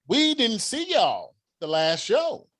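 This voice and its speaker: A man's voice: high-pitched, huge pitch swings, takes it slowly, a bit bright. A man hosting a casual live-stream show, playful and teasing with loose slangy talk. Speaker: show host.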